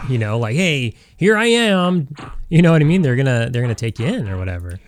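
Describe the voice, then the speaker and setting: Here a forty-something gaming streamer from Southern California talks casually while he plays, rambling with lots of fillers and restarts. His mid-range voice swings widely in pitch and moves fairly quickly, over slight background noise.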